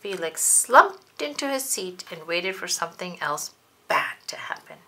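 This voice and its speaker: A woman narrates a children's storybook with dramatic, animated swings. Her pace is unhurried and deliberate, and her voice has a creaky edge. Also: on the low side. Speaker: storybook reader. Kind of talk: expressive children's read-aloud narration.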